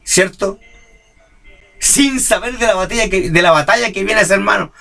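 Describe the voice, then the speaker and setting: A man's voice: high-pitched, normal speed, creaky, pushed and bright, soft background music. A man preaching a sermon, who keeps asking his congregation "¿cierto?" and acts out church members. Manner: impassioned, rhetorical "¿cierto?" questions, mimics church members.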